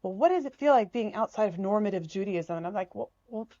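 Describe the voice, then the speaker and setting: A woman guest on a podcast, an artist from the United States, talking in a lively, emphatic way and acting out remarks people have made to her. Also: medium pitch, fast talker, dry recording, muffled recording. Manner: animated, emphatic, acts out quoted remarks. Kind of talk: conversational interview.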